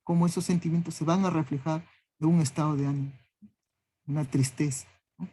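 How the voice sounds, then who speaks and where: Teaching a class, this man lists ideas one word at a time and tacks a questioning "¿no?" onto nearly every phrase. His voice is slightly high, steady in tone, brisk, mellow and a little rough.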